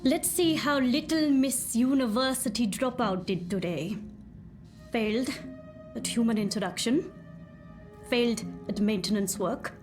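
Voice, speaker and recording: A woman's voice: fairly high pitch, close to an everyday voice. A woman playing a caustic, scornful, sarcastic workshop boss in a video game. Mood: scornful, exasperated. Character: foul-mouthed, scornful female boss of a robot workshop. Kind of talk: video game character acting.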